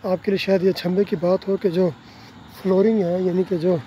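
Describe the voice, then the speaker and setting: Slight background noise and poor audio mark this clip of a Pakistani travel vlogger, whose Urdu-accented voice is high-pitched and level in tone. He gives a polite, unhurried walking tour of a quiet residential street, pointing out houses while filming on a handheld phone and frequently saying "ji" and "theek hai na".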